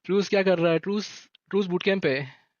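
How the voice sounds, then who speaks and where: A man's voice: high-pitched, brisk, darkish tone, no echo, muffled recording. A man who leads an esports team, explaining himself to stream viewers in a heated, repetitive way. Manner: heated, repeats himself, addresses viewers as bhai. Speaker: esports team in-game leader. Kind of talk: casual livestream explanation to viewers.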